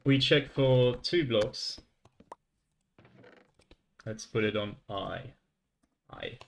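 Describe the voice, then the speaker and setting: A young French streamer with a light accent codes on a livestream, thinking aloud and chatting with viewers in a casual session. His mid-range voice is creaky and a bit bright, and he speaks very slowly.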